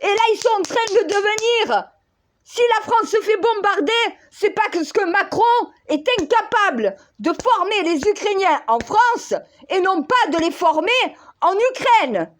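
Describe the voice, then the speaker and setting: A woman with a very high voice delivers an agitated, exasperated rant. She sounds hoarse and worn out, and she keeps addressing leaders and God directly. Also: animated, a little slow. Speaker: self-styled spiritual counselor. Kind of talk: ranting monologue video.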